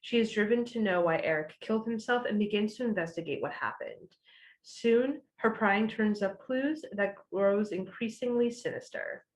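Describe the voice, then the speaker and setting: A woman's voice: medium pitch, normal speed, low-quality recording. A woman on library staff, chatting casually and reading out book descriptions with frequent fillers. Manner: chatty, uses many fillers like "like" and "uh". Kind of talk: casual book recommendation chat.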